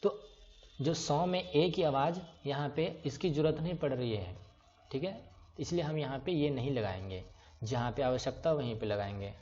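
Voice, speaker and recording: A man's voice: medium pitch, moderate pace, a little mellow. A man teaching an online class, patiently breaking words apart and spelling them letter by letter. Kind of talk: online class on writing names in English letters. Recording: slightly dull lo-fi recording.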